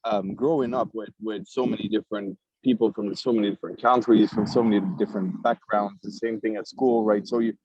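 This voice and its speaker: A man's voice: lowish voice, steady tone, fairly quick, few pauses, a little mellow, highs cut off, slight background noise. A man from Switzerland with a Swiss French accent, a cigar company founder in a casual podcast interview, thoughtful and repeating words as he searches for them.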